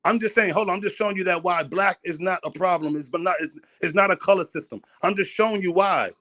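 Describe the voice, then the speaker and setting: A man's voice: sits high, fast talker, fairly bright tone, no echo. A man in a heated debate, insistent and talking over the others.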